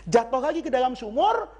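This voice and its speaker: A man's voice: darkish tone, slightly rough. Chuckling male preacher telling stories. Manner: humorous storyteller who chuckles often and swings his pitch widely. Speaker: Islamic preacher teaching a classical text. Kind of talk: religious study sermon with storytelling.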